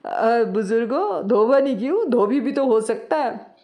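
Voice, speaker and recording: A woman's voice: a little high, expressive, mellow, close to an everyday voice. A woman voicing a silly young man playing healer in a comic audio story, cheeky and playful. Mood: teasing.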